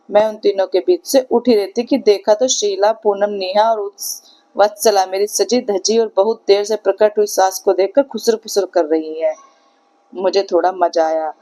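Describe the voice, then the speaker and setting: A woman narrating a comic first-person story in a chatty, expressive way, addressing her viewers as the storyteller. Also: medium pitch, low-quality recording.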